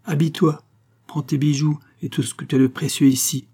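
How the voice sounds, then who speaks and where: This is a commanding young adventurer with a curt, threatening way of giving orders, as a male audiobook reader puts him on. His voice sits higher and carries more force than the narration around it. It keeps a dark, husky grain. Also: flat delivery, a little fast.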